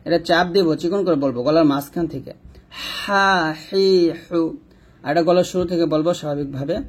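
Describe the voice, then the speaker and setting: Man slowly modelling letter sounds. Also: fairly high pitch, steady tone, a little mellow, husky. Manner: slow, drawn-out syllable demonstrations between brisk explanations; repeats letter sounds patiently, addressing the learner directly. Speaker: Quran reading teacher. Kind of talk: step-by-step pronunciation lesson.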